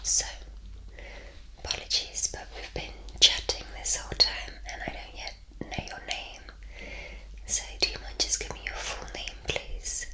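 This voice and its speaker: A woman performs a whispered role-play as a helpful librarian. She speaks slowly and politely in a very bright, sharp whisper, reassuring the listener as she goes. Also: rough recording. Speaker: ASMR performer playing a librarian.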